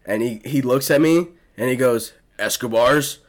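A man's voice: medium pitch, moderate pace, a little mellow. A young man co-hosting a podcast, telling a story in casual chat, swearing freely and leaning on lots of fillers. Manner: profane, laid-back storytelling with lots of fillers. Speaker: podcast co-host.

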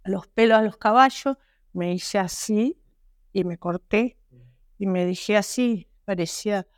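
An Argentine woman, a guest author, telling her personal story in an interview, halting and earnest with frequent restarts. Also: mid-range voice, no room sound, clean studio sound. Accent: Argentine Spanish. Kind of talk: personal testimony in a podcast interview.

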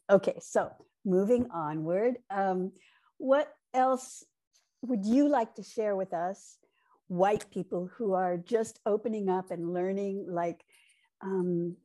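Interviewer, woman, mellow tone, chatty and affirming. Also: mid-range voice. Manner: warm, affirming, chatty with many backchannels. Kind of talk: interview conversation.

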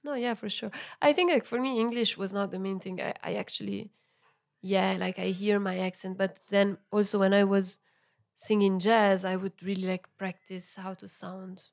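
Chatting casually as a guest on an interview, a young musician whose native language is Italian discusses her music in a relaxed, loose way. Little fillers and gentle laughter pepper her speech, which sits at a mid pitch with a slight gravelly fry, fairly even intonation and a moderate pace.

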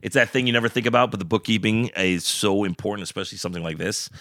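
A man's voice: on the low side, racing, a bit bright, dry recording, clean studio sound. A man, a guest who co-owns a brewery and runs a food truck, chatting casually and telling rambling stories full of fillers and the odd swear word. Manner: rambling, storytelling with lots of fillers and acted-out quotes. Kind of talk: casual chat.

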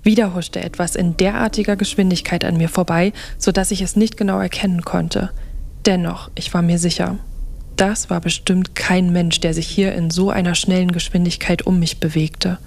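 A young woman narrating a first-person audio story, softly and often dropping into a hushed whisper. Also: on the low side, level tone, normal speed, vocal fry.

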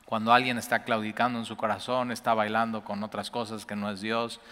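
A man preaching a sermon as pastor, moving between hushed prayerful quotations and loud excited bursts. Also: lowish voice, fairly quick, long reverb tail.

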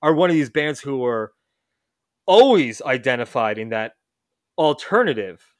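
In a sing-song, mid-range voice and a slightly slow pace, a male podcast host rambles through a casual talk about music. He restarts often and corrects himself mid-sentence; the audio is studio quality without echo.

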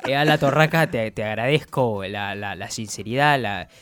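A man's voice: on the low side, moderate pace, a bit bright, clear, resonant tone, no echo, natural voice. A man playing a grumpy, foul-mouthed older doctor who rambles, stammers and throws out insults. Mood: grumbling. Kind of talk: comedic character interview.

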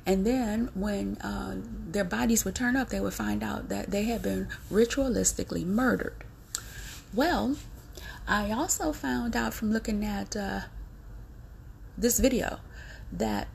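A woman's voice: mid-range voice, vocal fry, darkish tone, a little hiss or hum. A woman, a vlogger giving emphatic, preachy warnings to her viewers and repeating her points. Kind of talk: emphatic direct-to-camera warning.

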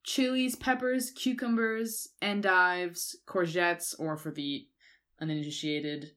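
Relaxed, chatty woman with a low voice. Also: slow. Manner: relaxed, rambling, lots of fillers. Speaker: podcast co-host. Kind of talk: casual chat.

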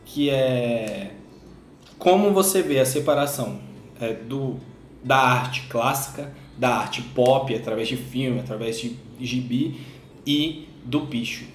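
A man's voice: mid-range voice, slow pace, a little hiss or hum. A man hosting a casual discussion, telling stories with frequent hesitations. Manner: rambling storyteller, often hesitates. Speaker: podcast host. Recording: roomy echo, faint music.

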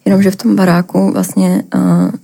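Hesitant young woman, mellow voice. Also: on the low side, big pitch swings, gravelly. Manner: halting, hesitant, many filler words. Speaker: podcast guest. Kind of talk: personal account in a podcast interview.

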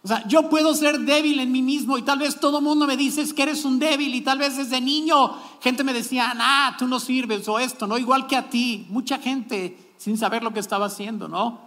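A man's voice: very high-pitched, normal speed, hardly any pauses, fairly bright tone. A man, a pastor preaching a sermon in a church, talking conversationally and often checking in with the congregation. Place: church sanctuary. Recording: long church hall reverb.

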